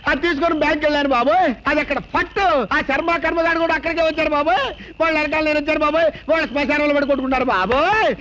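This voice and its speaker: A whining, frantic hanger-on in an old film comedy, wailing in a bright, sharp, very high voice. He rattles along very fast over a faint background hiss. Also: fairly even intonation, muffled recording. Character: whining, panicky male hanger-on cheated of money.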